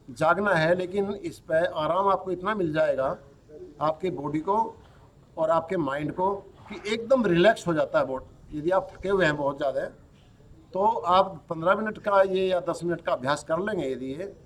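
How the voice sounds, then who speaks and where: Calm man guiding yoga nidra. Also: high voice. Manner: calm, slow instructions mixing Hindi with English words. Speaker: yoga teacher. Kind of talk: guided yoga nidra relaxation.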